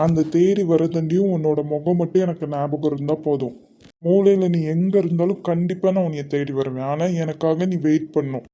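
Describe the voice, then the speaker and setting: Woman voicing a gentle young man, low and dark. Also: a little fast, dull audio. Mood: tender. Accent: Kanyakumari Tamil. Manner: gentle, reassuring, soft-spoken. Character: caring, earnest young man in love. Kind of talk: cartoon voice acting.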